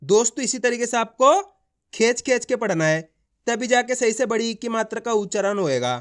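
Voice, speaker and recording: A man's voice: extremely high pitch, animated, a little fast, a bit bright. A male teacher giving an online reading lesson, sounding words out syllable by syllable and answering his own questions. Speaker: Hindi teacher.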